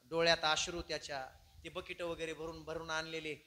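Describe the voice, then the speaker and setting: Male kirtan preacher, a high, piercing voice, and dramatic storytelling that acts out every character. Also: level tone, brisk. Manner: dramatic, voices the characters with loud shouted cries. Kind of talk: devotional storytelling sermon.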